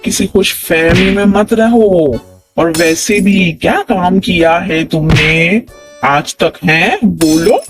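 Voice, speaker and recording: A man with a fairly high voice plays a quarrelsome, bossy cartoon character who scolds a coworker. He taunts and berates, repeatedly asking "samjhe?", in an animated comedy dialogue set over background music.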